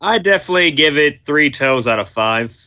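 A man co-hosting a podcast in casual chat, making wry deadpan jokes. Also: a little high, brisk, lo-fi sound. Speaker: podcast co-host.

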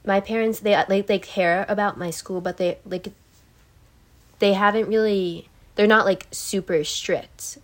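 A teenage girl, interviewed as a podcast guest, chats casually in a medium-pitched, steady voice at a measured pace. She rambles with plenty of fillers and tells her stories animatedly.

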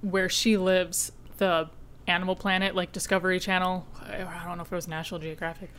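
A woman's voice: lowish voice, a little fast, a little hiss or hum. A young woman from Michigan's Upper Peninsula with a slight Yooper accent, co-hosting a casual podcast and laughing often. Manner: laughs often, relaxed and friendly. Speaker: podcast co-host. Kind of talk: casual chat.

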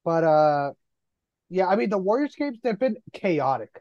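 A laid-back man co-hosts a casual basketball podcast and reacts to live games as he talks. His voice sits a touch high. The recording is slightly muffled and dry. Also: big pitch swings, normal speed, darkish tone, no room sound. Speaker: podcast co-host. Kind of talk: casual sports chat.

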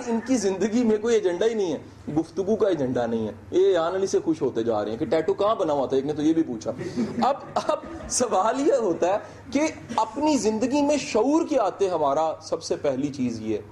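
Animated man giving a motivational talk. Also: on the high side, a little hiss or hum. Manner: animated, conversational, acts out little dialogues. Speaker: motivational speaker. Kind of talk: motivational lecture.

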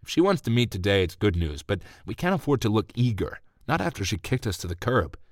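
A man's voice: on the low side, big pitch swings, brisk, no room sound, studio quality. A man voicing a cool, confident male hustler with an unbothered drawl. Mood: cool, smug.

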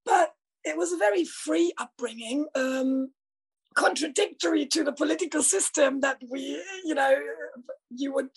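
A woman's voice: sits high, moderate pace, rough recording. A woman from East Germany, a middle-aged health and life coach, telling her story in a reflective, thoughtful way during an interview. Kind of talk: casual conversational interview.

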